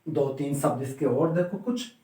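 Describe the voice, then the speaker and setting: A man teaching grammar in a room with noticeable echo. His voice sits a bit high, and he stresses words firmly, drawing them out slowly as he repeats them. He keeps putting questions to the class and answering them himself. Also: dark tone. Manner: emphatic, repeats and drags out key words.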